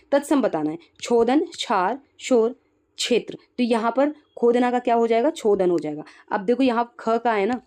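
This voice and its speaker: Quick-checking woman teacher with a mellow voice. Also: on the high side. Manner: explains quickly, with frequent "ठीक है" check-ins; mixes English terms into explanations. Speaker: exam prep teacher. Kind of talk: solving exam questions aloud.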